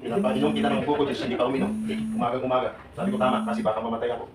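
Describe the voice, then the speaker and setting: A man, addressing overseas workers at a live seminar in an animated, joking way, often quizzing the crowd. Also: mid-range voice, racing, music in the background. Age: 70s. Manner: animated, joking, questioning the audience. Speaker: OFW advocate speaking to workers. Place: large hall with an audience. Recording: echoey hall, voice from far off.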